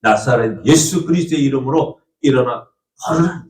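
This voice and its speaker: A man's voice: medium pitch, normal speed, a little mellow. A male pastor preaching a storytelling sermon, asking the congregation questions and acting out the voices of people in the story. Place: church sanctuary. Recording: echoey church from a distant mic.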